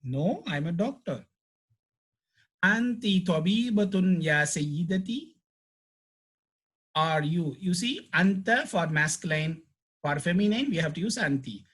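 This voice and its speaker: Slow, husky-voiced man teaching Arabic. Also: high-pitched, animated, a bit bright. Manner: explains slowly, repeats phrases, translates word by word. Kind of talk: language lesson.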